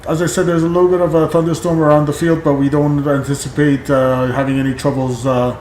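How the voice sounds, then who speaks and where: A man doing an airline captain's cabin announcement over the intercom, with a formal, measured delivery. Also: on the high side, flat delivery, a little mellow, roomy sound, slight background noise. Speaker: flight sim streamer.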